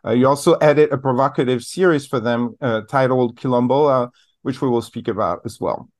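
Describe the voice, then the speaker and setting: A man hosting a podcast interview, introducing his guest formally and pausing often on filler sounds. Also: mid-range voice.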